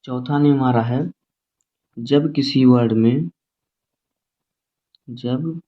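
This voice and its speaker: A man teaching English phonics in a slow, repetitive classroom style, spelling words out letter by letter. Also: medium pitch. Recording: tinny phone-like audio.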